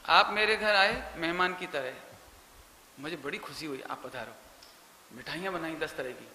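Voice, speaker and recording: A man preaching a sermon with a high, piercing, forceful voice. He addresses his listeners directly and with emphasis. The sound carries a long hall reverb over faint background noise. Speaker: Jain preacher.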